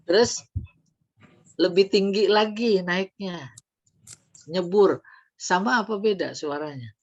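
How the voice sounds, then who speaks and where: A woman teaching a study lesson, explaining slowly and quizzing her class with questions. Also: mid-range voice. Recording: dull lo-fi recording.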